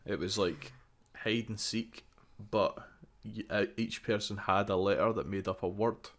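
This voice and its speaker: A man's voice: on the low side, steady tone, a little slow, a bit bright. A man with a thick Scottish accent, co-hosting a casual gaming podcast with blunt, sweary banter. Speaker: podcast co-host.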